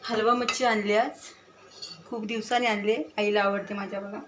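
A woman's voice: mid-range voice, little pitch movement, moderate pace, far from the mic, noisy background. A woman chatting casually to viewers and her pet bird while she cooks dinner at home. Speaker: home cooking vlogger. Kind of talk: casual kitchen vlog chat. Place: home kitchen. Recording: echoey kitchen from off-mic. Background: clatter of pots and dishes.

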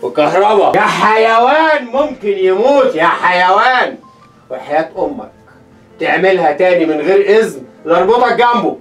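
An actor with an Egyptian accent playing a menacing police officer who interrogates a prisoner, coaxing softly and then threatening harshly. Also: male voice, high voice, very animated, normal speed. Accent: Egyptian Arabic. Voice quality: switches between mock-soft coaxing and harsh threats. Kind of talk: Egyptian web drama acting. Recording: distant mic with music underneath.

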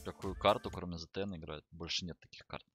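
Low-voiced man streaming a game. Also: fairly even intonation, fast talker, bright, forceful tone. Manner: muttering to himself, heavy swearing. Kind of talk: casual live gameplay commentary. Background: game music and sounds.

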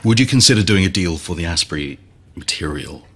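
An actor playing an eager buyer who stammers and chatters enthusiastically. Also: male voice, deep voice, expressive, a little fast, fairly bright tone, breathy edge, full character voice. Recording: noisy background hiss.

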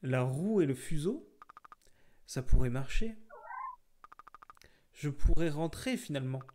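An earnest, determined young heroine from a fantasy video game, read out by a man. She speaks plainly and slowly, in a voice pitched a little high. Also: expressive, mellow, a little hiss or hum.

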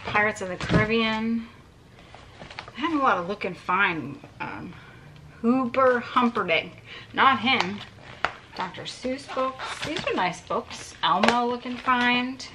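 Lady in her 30s slowly chatting through a storage unit haul, dry little jokes, loud clanking stuff all around. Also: on the high side, background noise. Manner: chatty, wry asides, thinking aloud. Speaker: storage unit reseller vlogger. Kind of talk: casual narration while sorting items. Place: metal storage unit, indoors.

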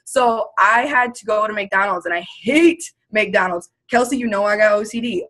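A woman's voice: medium pitch, moderate pace, sharp tone. A young woman talking casually as a guest, emphatic and motivational, swearing now and then. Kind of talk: casual chat.

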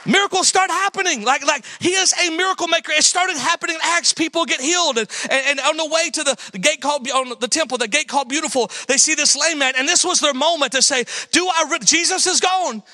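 High, bright-voiced male preacher. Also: quick pace, hardly any pauses, no room sound. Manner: storytelling preacher, swings from loud exhortation to hushed asides. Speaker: guest pastor. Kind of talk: sermon.

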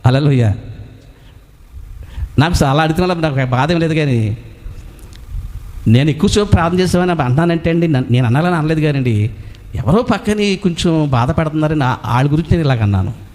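A man's voice: fairly high pitch, animated, brisk, pauses often, a little mellow, in a large hall. A man preaching a sermon as a pastor, who asks rhetorical questions and answers them himself, with frequent hallelujahs.

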